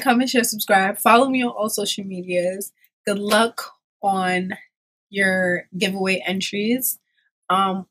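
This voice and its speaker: A beauty vlogger in her twenties talks casually through a makeup tutorial, her loose speech full of "um" and "like," while nursing a stuffy cold. Her voice is mid-range with a fairly bright tone. She's in a small room in front of a pink backdrop, and the recording is rough.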